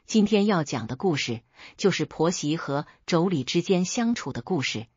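A woman storyteller reading a folk tale as steady, expressive scripted narration on a dull, dry recording. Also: on the low side, normal speed, slightly rough, dry recording.

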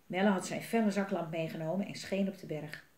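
A woman reading a children's book aloud in a lively, expressive way. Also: fairly low pitch, a little fast, reverberant. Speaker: storyteller.

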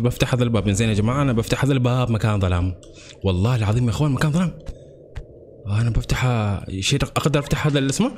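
A man comments on a horror game for his channel. He talks fast and nervously, with a lively pitch that leaps on each fright. A faint noise sits under the voice. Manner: jumpy, excitable, nervous exclamations. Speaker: gaming channel host.

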